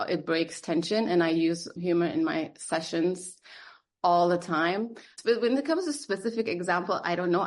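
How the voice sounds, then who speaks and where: A psychotherapist appearing as a guest, a woman raised in Germany and Turkey whose first language is Turkish, answers interview questions thoughtfully. She speaks at a fairly low pitch, with frequent fillers and restarts.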